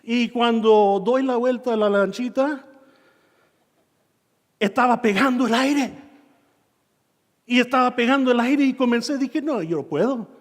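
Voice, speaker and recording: A man preaching a sermon, telling a personal story and acting out his own shouts and dialogue, in a church hall. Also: very high voice, fairly even intonation, measured pace, long pauses. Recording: long reverb of a church hall.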